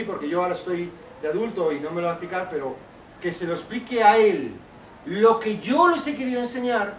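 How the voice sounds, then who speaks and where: A man giving a lively workshop talk to an audience, acting out children's voices as he tells stories. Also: high-pitched, a little hiss or hum. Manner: animated, acts out children's voices. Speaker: children's ministry teacher. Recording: echoey hall, from a distance.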